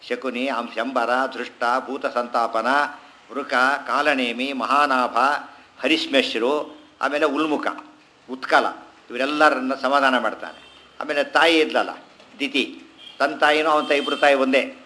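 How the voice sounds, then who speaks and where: Bright-voiced man expounding Sanskrit verses. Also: mid-range voice. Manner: chants verses slowly, then explains briskly in colloquial talk. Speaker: scripture teacher. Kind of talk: Kannada discourse on Sanskrit verses.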